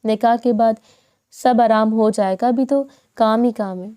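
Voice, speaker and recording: Sweet tired girl doing all the chores, woman reading it, soft quick voice, mellow. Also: on the high side, fairly even intonation, no room sound, clean studio sound, close to an everyday voice. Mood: gentle. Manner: soft, hurried. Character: gentle hardworking young woman, self-effacing.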